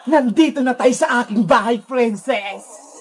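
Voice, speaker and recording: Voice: medium pitch, a little slow, pitched below the performer's own voice. A performer voicing a sly, taunting female ghost who lives in a TV, in a cartoon. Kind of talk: cartoon voice acting.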